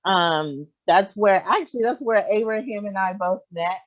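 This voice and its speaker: A young podcast host asking long, rambling questions in a relaxed way, with many fillers. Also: medium pitch, moderate pace. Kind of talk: casual podcast interview. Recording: dull lo-fi sound.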